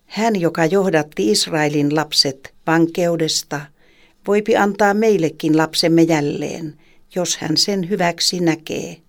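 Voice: medium pitch, fairly bright tone, natural voice. A reader voicing a devout hopeful mother. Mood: consoling.

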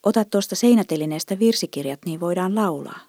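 A woman voicing a calm, patient young father who speaks slowly and reassuringly. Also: sits high, dry recording, studio quality.

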